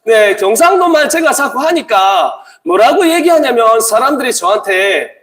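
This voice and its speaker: A man's voice: very high-pitched, lively intonation, moderate pace, a bit bright. Joking missionary man in an echoey hall. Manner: joking, quizzes the audience, switches into English. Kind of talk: humorous church talk to a crowd.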